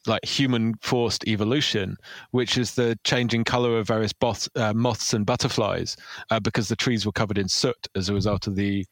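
A man with a fairly low voice talks through his ideas in a casual, thoughtful conversation. He hesitates often, with fillers and restarts. The sound is dry and close, with no room echo. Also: steady tone, moderate pace. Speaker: author guest.

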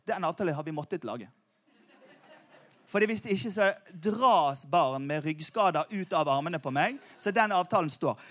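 A middle-aged man preaching a sermon, telling a family story with humor and surging intensity before turning to earnest appeals. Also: a little high. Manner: animated storytelling with humor, voice surging when excited. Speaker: pastor.

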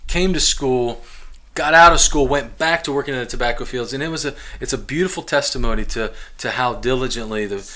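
A man's voice: medium pitch, bright, forceful tone. A man in his forties hosting a podcast, telling his own story in a rambling monologue full of restarts. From Ohio and Kentucky, US. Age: 40s. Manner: rambling, many restarts and fillers, chuckles often. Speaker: podcast host. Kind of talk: casual personal monologue.

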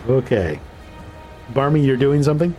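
A man's voice: mid-range voice, animated, moderate pace, mellow, muffled recording, faint music behind. A man acting as game master, casually narrating and adjudicating a tabletop game.

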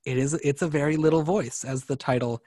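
A man's voice: fairly high pitch, fairly quick, a little mellow, no echo, clean studio sound. A man guesting on a casual film podcast, talking in an easygoing, thoughtful way with small stumbles.

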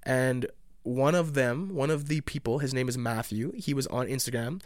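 A man's voice: mid-range voice, normal speed, dry recording, clean studio sound. A young man co-hosting a podcast, teasing and joking in casual banter. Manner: joking, teasing, breaks into laughs. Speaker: podcast co-host.

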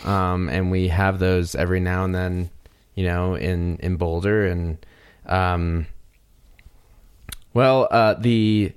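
A man with a low, smooth, resonant voice speaks slowly and hesitantly, leaning on fillers as he tells a story in a casual podcast chat. He is recorded dry and close, with no room sound. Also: steady tone, no echo. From United States. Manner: measured and hesitant, many fillers, dry chuckles. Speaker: podcast co-host, audio circuit designer.

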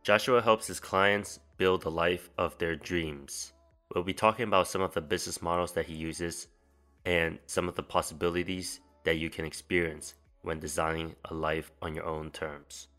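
Man, podcast host, very deep voice, smooth resonant tone, measured announcer style. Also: fairly even intonation, bright, forceful tone, soft background music. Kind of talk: scripted intro, then interview questions.

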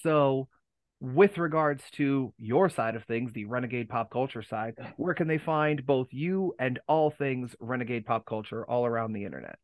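A man's voice: mid-range voice, lively intonation, normal speed, dry recording. A man talks in a loose, rambling way on a casual podcast, often restarting his sentences and laughing easily. His voice sits in a middle register. The sound is dry and close, with no room around it. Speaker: podcast host.

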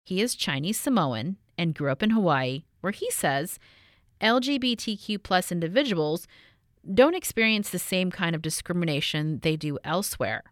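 Lively-voiced woman narrating a radio report. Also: on the low side, no room sound, clean studio sound. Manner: measured, clearly read voice-over. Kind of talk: scripted news narration.

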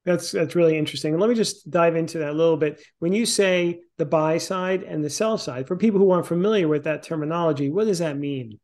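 A man hosts an interview with a slightly high-pitched voice. He asks friendly questions and often stumbles on the first words of a phrase before carrying on. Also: fast, few pauses, darkish tone. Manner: friendly, with repeated word starts. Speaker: interview host. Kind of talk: hosted interview chat.

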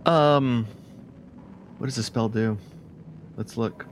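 A man playing a tabletop game in casual chat, halting and stammering as he restarts his sentences. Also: medium pitch, slight background noise. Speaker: player.

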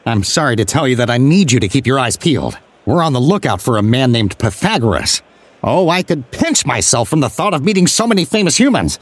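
A man voicing an enthusiastic, playful male alien traveler in an audiobook, with a husky voice. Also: medium pitch, fairly quick, voice pushed up. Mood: chipper. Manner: animated, wide-ranging intonation.

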